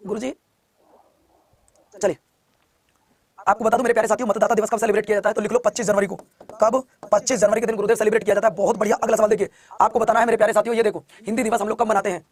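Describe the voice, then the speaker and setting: A male online exam coach running a live class, firing questions at students, repeating each one and pushing them to answer quickly. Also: high voice, level tone.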